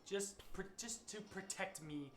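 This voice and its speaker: A player voicing a small gnome druid who quietly bargains in a tabletop game. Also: medium pitch, measured pace, slight background noise, close to an everyday voice. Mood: hushed bargaining. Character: small gnome druid, cagey and wheeling-dealing.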